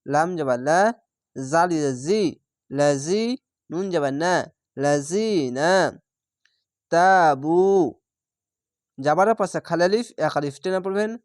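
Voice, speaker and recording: A man teaching Quran reading who spells out each letter and vowel mark before slowly reciting the whole word. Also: a little high, no echo, studio quality. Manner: draws out recited words slowly.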